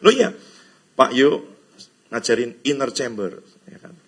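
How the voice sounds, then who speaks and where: Gravelly, lively-voiced Indonesian pastor preaching. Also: male voice, mid-range voice, unhurried. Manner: chatty, teasing, mixes in English phrases and playful quoted voices. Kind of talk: conversational sermon. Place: church hall.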